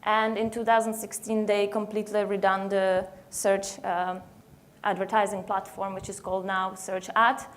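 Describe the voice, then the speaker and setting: A woman's voice: medium pitch, little pitch movement, normal speed. A young woman from the Czech Republic with a Czech accent, giving a conference presentation with many fillers and restarts. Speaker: conference speaker. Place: conference hall.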